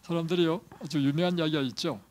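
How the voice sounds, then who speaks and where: A man preaching a sermon who swings from hushed, whispered lines to loud, emphatic calls. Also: on the high side, steady tone, quick pace. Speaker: pastor.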